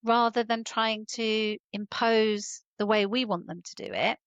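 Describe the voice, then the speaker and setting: A woman's voice: a little high, a little slow, clear, resonant tone, no echo, dull audio. Woman parenting expert, dry close mic. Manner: calm, fluent and explanatory. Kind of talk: explanatory interview answers.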